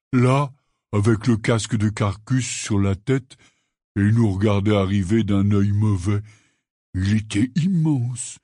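A man reading the part of a huge, gruff but kindly half-giant gamekeeper in an audiobook, telling his tale in a rambling, earnest way. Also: fairly low pitch, dark tone, dry recording, clean studio sound.

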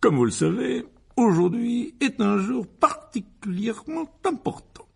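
A man voicing a pompous, blustering middle-aged uncle in an audiobook, with slow, booming emphasis. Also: very animated, vocal fry, a bit bright, breathy edge, exaggerated voice. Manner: booming, self-important, slow emphatic delivery.

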